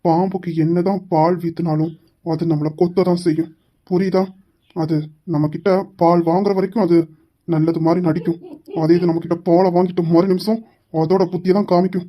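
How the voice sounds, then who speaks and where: A woman's voice: fairly low pitch, level tone, a little fast, dull audio, natural voice. Woman playing a stern policeman husband. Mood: firm. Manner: firm, lecturing, shouts for his wife. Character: stern young husband, police officer, older brother. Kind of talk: amateur family drama.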